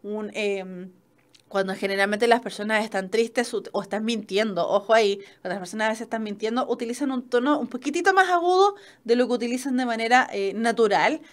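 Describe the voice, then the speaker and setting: Chilean woman, young adult teacher, slightly high voice, patient explainer who keeps asking "¿cierto?". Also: a little fast. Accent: Chilean Spanish. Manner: explanatory, frequent "¿cierto?" checks. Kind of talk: online class lecture.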